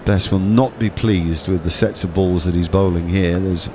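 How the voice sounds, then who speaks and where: Commentator, male, very low voice, steady explaining delivery, noisy audio behind. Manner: measured, explanatory, with small restarts. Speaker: cricket commentator on a watchalong. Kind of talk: ball-by-ball commentary.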